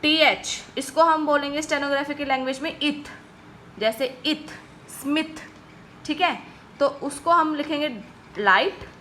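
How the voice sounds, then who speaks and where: A woman's voice: sits high, a little slow, pushed and bright, a little hiss or hum. A woman teaching a stenography lesson, patiently explaining each stroke and often checking in with her viewers. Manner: patient, repeats "ठीक है guys" often.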